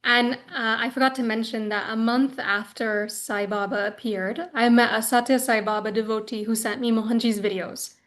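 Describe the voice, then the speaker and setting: A woman in her thirties tells a personal spiritual story as an interview guest. Her voice sits a little high. She speaks earnestly and chattily, with frequent fillers and quick restarts. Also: steady tone, a bit bright. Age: 30s.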